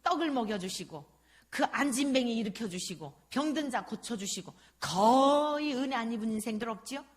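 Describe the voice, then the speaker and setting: A woman's voice: a little high, lively intonation, normal speed. A woman pastor preaching a sermon with passion, firing rhetorical questions and frequent interjections.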